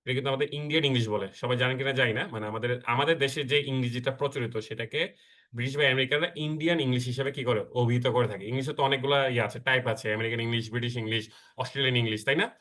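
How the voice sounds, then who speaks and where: A man's voice: mid-range voice, steady tone, quick pace. A man from Bangladesh teaching an English grammar class online, who mixes in English phrases and keeps checking in with his students. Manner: checks in with the class after nearly every point; addresses students warmly as brother.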